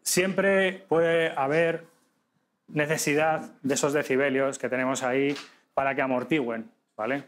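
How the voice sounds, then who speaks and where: A man teaching a live podcasting workshop to an audience, lively and demonstrative, often checking in with quick questions. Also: mid-range voice. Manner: lively, demonstrative, addresses audience directly with frequent tag questions.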